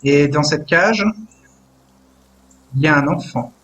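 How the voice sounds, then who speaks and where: A man running a tabletop role-playing game as game master, describing scenes slowly with frequent hesitations. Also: fairly high pitch, a bit bright, slight background noise. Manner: descriptive, hesitant with many "euh"s.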